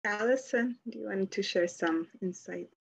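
A young woman opens and steers an online panel discussion from a room at home. She talks in a friendly, halting way, full of ums and restarts. Her pitch sits in the middle range, and the sound is the plain audio of a video call. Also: gravelly, breathy edge, highs cut off. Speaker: moderator. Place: indoors at home, plain wall.

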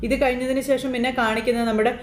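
A woman's voice: fairly high pitch, little pitch movement, racing. Chatty woman retelling a serial, roomy. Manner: chatty, tag-question asides. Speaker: serial recap narrator. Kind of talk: casual retelling of a TV serial episode. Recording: roomy with faint noise.

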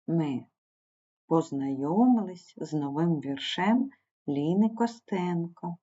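A woman's voice: deep voice, expressive, takes it slowly, dark tone, highs cut off. A woman teacher giving a primary school language lesson, patiently spelling out sounds and syllables. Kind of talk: slow explanatory online lesson.

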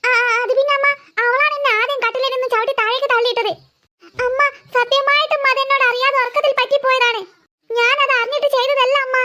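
A defiant, taunting little cartoon sister, voiced by a woman, very high and bright. Her voice is shrill and childish. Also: fairly even intonation, fast, a little hiss or hum. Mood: defensive. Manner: taunting, defensive.

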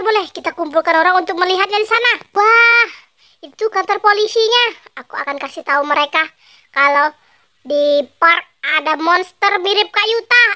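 A child narrating and role-playing a game drama in an excitable way, full of exclamations. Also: very high voice.

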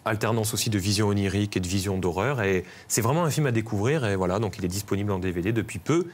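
A man's voice: on the low side, fast talker. A film columnist on a TV show, talking enthusiastically about a film he recommends. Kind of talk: TV studio film review. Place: TV studio.

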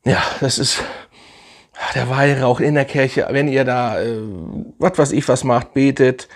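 A man's voice: mid-range voice, fairly even intonation, a little slow. A young man casually reviewing fragrances in a vlog, enthusiastic and slangy, rambling with fillers.

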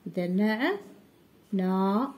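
A woman with a Moroccan Arabic accent teaching young children to write letters, patient and slowly stretching out syllables for them to repeat. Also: mid-range voice, sing-song, darkish tone. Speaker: primary school teacher. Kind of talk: children's handwriting lesson.

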